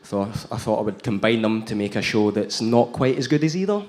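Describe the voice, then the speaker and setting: A man's voice: on the low side, quick pace, darkish tone. A man with a broad Scottish accent, joking in a self-deprecating way in live stage banter, recorded in a noisy venue. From Scotland. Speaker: comedy rapper and guest.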